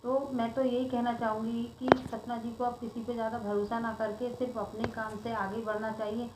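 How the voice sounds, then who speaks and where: Her pitch is fairly high with little movement, and she talks a little fast. This woman from India, a video blogger, gives earnest, emphatic, informal commentary that often loops back on itself, recorded in an echoey room with faint background noise.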